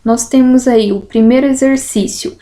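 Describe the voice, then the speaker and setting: A woman teacher with a slow, didactic way of talking, going through exercises in a lesson and stretching out syllables to make her points. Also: high-pitched, fairly even intonation, mellow. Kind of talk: explanatory lesson, correcting exercises.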